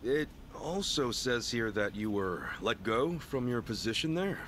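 An actor playing a modest, earnest job counselor in a video game, speaking formally and courteously but firmly. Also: male voice, mid-range voice, lively intonation, a little slow, a bit bright, a little hiss or hum. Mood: polite, probing.

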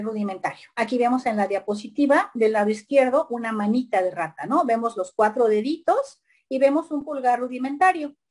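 A woman giving a lecture over slides in a conversational way, with many fillers and tag questions. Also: a little high.

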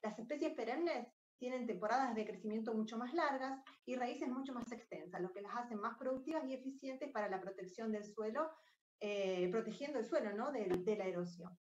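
A woman presenting her company's technology on a video call in a clear, explanatory way. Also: a little high, normal speed. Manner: clear, explanatory, lightly scripted. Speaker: R&D lead presenting a startup. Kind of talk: startup pitch presentation. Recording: roomy, distant, dull video-call audio.

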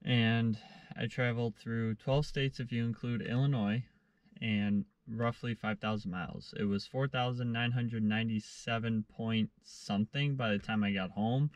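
A man's voice: fairly low pitch, a little mellow, clear, resonant tone, dry recording. Chatty young man vlogging in his truck. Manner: chatty and enthusiastic, talks with his hands. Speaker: travel vlogger. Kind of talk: casual vlog talk to camera. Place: parked pickup truck cab. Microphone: camera on the dashboard.

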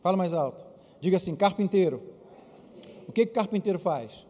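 A man with a Brazilian Portuguese accent preaching a lively sermon as pastor, calling on the congregation to answer aloud. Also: high voice, fast talker. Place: church auditorium. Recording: long reverb of a church hall.

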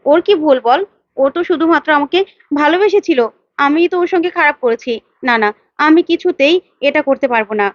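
A woman's voice: high voice, lively intonation, moderate pace, no room sound, lo-fi sound. A woman voicing a frightened young woman who defends herself angrily and tearfully. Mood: desperate. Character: angry frightened young woman hiding a secret.

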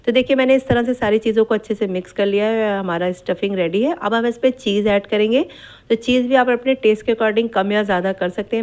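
A middle-aged cooking channel host guides viewers through a home recipe from her kitchen, speaking in a patient voice-over. Her delivery is steady and instructive as she covers every step and rechecks quantities, with a typical mid-range female pitch.

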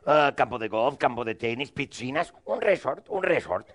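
A man's voice: mid-range voice, lively intonation, normal speed, fairly bright tone. A man telling a rambling, crude comic monologue in character, acting out both sides of the dialogue.

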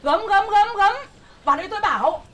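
A woman's voice: high-pitched, expressive, normal speed, a bit bright, slight background noise. An actress playing a chatty, bossy older village woman who gossips. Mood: gossiping.

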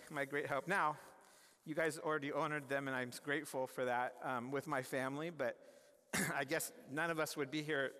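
A man's voice: medium pitch, sharp tone. A man in his forties giving an earnest, conversational chapel address on a university stage, with frequent restarts and fillers. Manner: gestures and moves about the stage. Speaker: chapel speaker. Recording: long reverb of a large hall.

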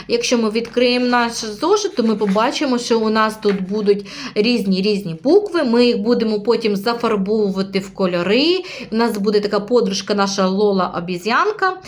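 A woman preschool teacher with a Ukrainian accent, patiently recapping a lesson for parents in a slow, careful way with drawn-out words and hesitations. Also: on the high side.

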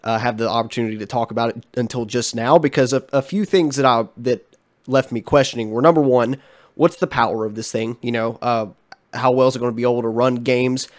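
A man's voice: mid-range voice, steady tone, brisk. Congested young man chatting casually. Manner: chatty and frank, many ums and uhs. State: congested, stuffy nose. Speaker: channel host. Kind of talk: casual commentary vlog.

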